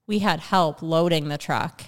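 A woman's voice: sits low, measured pace. An American woman co-hosting a casual podcast, her voice ringing with hall-like echo in an empty room. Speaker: podcast co-host. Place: indoors in an unfurnished house.

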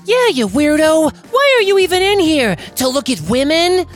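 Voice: high voice, sing-song, moderate pace, soft background music, voice pushed up. The story narrator voicing a taunting, snide teenage daughter. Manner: snickering, taunting.

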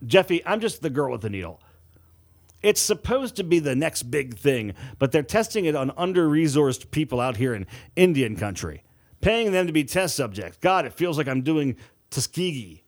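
A man's voice: fairly high pitch, very animated, moderate pace. A man voicing a tipsy young woman nurse. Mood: pleading.

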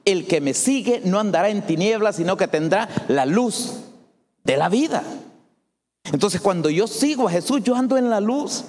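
A male pastor preaching a sermon, his voice sitting a little high for a man. He speaks straight to his listeners and builds emphasis as he goes. The sound rings with a long reverb, as in a church hall. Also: animated, normal speed, darkish tone. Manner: preaching with rising emphasis, addressing the congregation directly.

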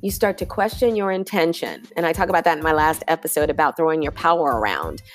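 A woman's voice: deep voice, expressive, quick pace, soft background music. A woman hosting a podcast, talking reflectively and conversationally to listeners, often checking in with "right?" and "y'all.". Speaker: podcast host and yoga teacher. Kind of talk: reflective solo podcast talk.

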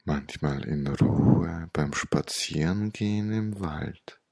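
Very slow, deep, gravelly man, sage-like. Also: a little mellow, no echo, studio quality. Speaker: meditation guide and storyteller. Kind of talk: hypnotic guided meditation storytelling.

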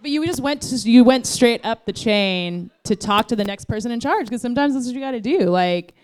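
A woman's voice: fairly high pitch, lively intonation, brisk. A woman moderating a panel in a casual, conversational style.

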